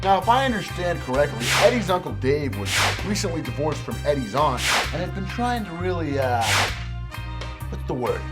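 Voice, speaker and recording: An actor playing an earnest sports commentator, giving mock-serious analysis in a comedy sketch. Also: male voice, a little high, sing-song, normal speed, over loud music. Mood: analytical.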